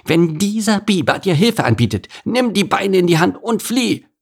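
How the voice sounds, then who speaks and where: A man's voice: sits high, sing-song, moderate pace, gravelly, breathy edge, voice pushed up, heavily acted. A man voicing a scruffy squirrel in a storybook, urgently warning others away. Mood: alarmed.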